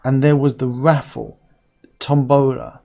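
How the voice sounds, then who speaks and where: A man's voice: mid-range voice, steady tone, unhurried, vocal fry, warm tone. A man in his forties who pronounces his r's as w's, hosting a casual live stream in a chatty, rambling, anecdotal way. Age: 40s. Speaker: host.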